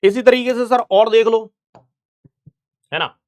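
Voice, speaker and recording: A man's voice: extremely high pitch, slow. A young man teaching biology in an online exam-prep lecture, chatty, keeps checking in with students. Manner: chatty, keeps asking "right, sir?" to students.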